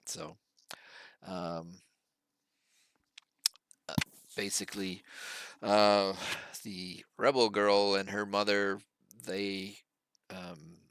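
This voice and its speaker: A man's voice: fairly low pitch, animated, drawn-out words, gravelly, long pauses, fairly bright tone, clean tone, dry recording. A man casually recapping a TV episode, rambling with lots of fillers and restarts and dropping wry, dry sarcasm along the way. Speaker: TV episode reviewer.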